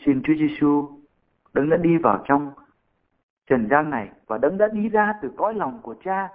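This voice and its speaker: Priest man preaching a homily, kinda high voice, tinny phone-like sound. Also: lively intonation, normal speed. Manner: storytelling, addresses congregation. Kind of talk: sermon.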